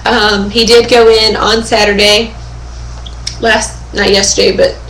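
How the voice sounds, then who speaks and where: A young woman vlogger talks slowly and casually into her webcam microphone at home, her mid-range, level, slightly bright voice hoarse and fading. She's chatty, with many pauses, fillers, and repeated throat clearing. The room echoes, and a faint ambient hum sits behind her.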